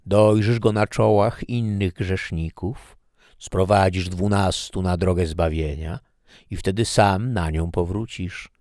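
A man voicing a solemn male cherub in a storybook reading, pronouncing slowly. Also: low-pitched, steady tone, darkish tone, no room sound, clean studio sound. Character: golden-winged male cherub, solemn and stern.

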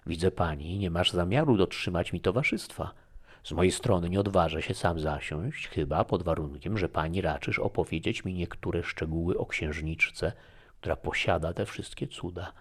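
A man's voice: low-pitched, moderate pace, breathy edge. A man voicing a courtly young traveler. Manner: courtly and polite.

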